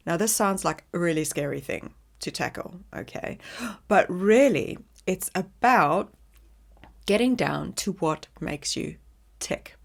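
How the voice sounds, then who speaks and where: A middle-aged woman hosts a solo podcast, speaking to the listener like a coach. She talks slowly, with a lively pitch that rises and falls. There is some vocal fry in her voice. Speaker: podcast host, brand strategist. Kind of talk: scripted solo podcast monologue.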